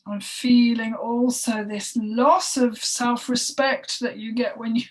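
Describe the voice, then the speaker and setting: A woman speaks through a spoken energy healing session in a halting, heartfelt way, sighing and dropping into soft breathy asides. Her voice sits a touch high. She is recorded a little away from the microphone. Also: steady tone. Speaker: healing session practitioner and co-host. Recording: voice distant from the mic.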